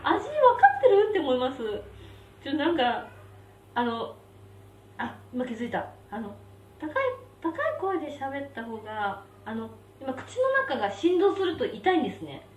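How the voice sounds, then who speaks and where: Chatty young woman with a lively voice. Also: high-pitched, moderate pace. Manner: chatty, reacting aloud to spicy food, reads viewer comments. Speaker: live-stream host. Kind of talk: casual live-stream chat while eating. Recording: roomy, slightly distant mic with faint background hum.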